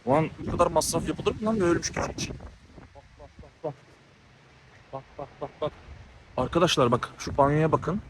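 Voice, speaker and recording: A man's voice: a little high, expressive, fairly quick, pauses often. Breathless man ranting while walking outdoors. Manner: heated, ranting, repeats himself. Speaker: travel vlogger. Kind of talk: walking vlog monologue. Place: outdoors on town streets. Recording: noisy outdoor street recording.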